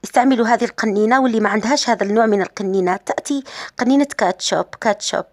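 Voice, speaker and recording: A woman's voice: fairly high pitch, very fast, no room sound, studio quality. Algerian woman explaining hair care steps. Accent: Algerian Arabic. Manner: explains step by step, repeats and rephrases key points. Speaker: hair care tutorial host. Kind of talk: casual how-to demonstration.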